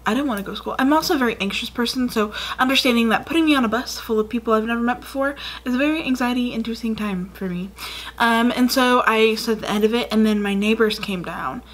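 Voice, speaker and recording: A woman's voice: a little high, fast, fairly bright tone. A woman in her twenties telling childhood stories in a chatty, rambling vlog, with lots of fillers, recorded indoors facing the camera. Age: 20s. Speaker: YouTuber. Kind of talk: casual storytelling vlog. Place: dim room indoors.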